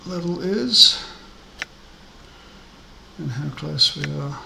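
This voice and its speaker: A man's voice: on the high side, animated, very slow. A man hosting a let's play, commenting casually and reading game text aloud. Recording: roomy home recording with clear noise.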